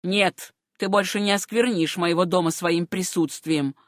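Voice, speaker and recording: A woman's voice: on the low side, steady tone, measured pace, no echo, clean studio sound, lightly acted. A woman voicing a stern, angry middle-aged uncle in an audiobook, harsh and contemptuous in tone. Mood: angry scolding. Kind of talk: audiobook character reading.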